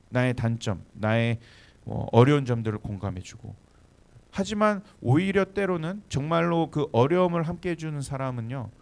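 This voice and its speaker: A man from Chungcheong, Korea, preaching as a pastor to young adults in a church, talking conversationally with frequent quick affirmations. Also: medium pitch, vocal fry, darkish tone. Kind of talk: sermon to a young adult congregation. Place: church hall.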